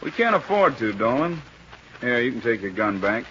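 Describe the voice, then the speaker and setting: A man's voice: mid-range voice, very animated, normal speed, fairly bright tone. Through the muffled, faintly noisy sound of an old radio crime show comes a tough small-town police detective. He talks like a 1930s beat cop, clipped and blunt, questioning with open suspicion. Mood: needling, suspicious.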